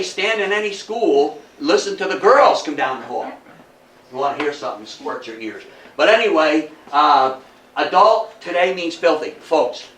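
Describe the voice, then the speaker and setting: An older man with a high-pitched, fairly bright voice gives a chatty, folksy history lecture before an audience indoors, peppering it with rhetorical questions. It was recorded from a distant mic, so it sounds roomy, with faint noise.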